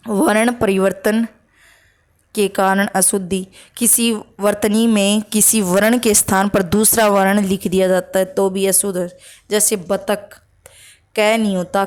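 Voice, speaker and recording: A woman teaching spelling for an exam, slowly reading out word lists and checking with short asides. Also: medium pitch. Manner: slow, listing words one by one with "ठीक है" checks.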